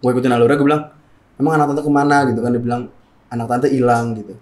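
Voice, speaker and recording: A man's voice: mid-range voice, fairly even intonation, rapid-fire, a little mellow, echoey room. A young man with telling a story casually, repeating phrases and acting out quoted lines. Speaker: guest.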